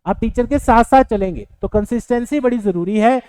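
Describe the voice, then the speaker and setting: A man's voice: very high-pitched, moderate pace, warm tone, clear, resonant tone, dry recording, rough recording. A man teaching exam aspirants, giving earnest advice in a motivational lecture with a few fillers. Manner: earnest, advising, with fillers and English words mixed in. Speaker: coaching teacher.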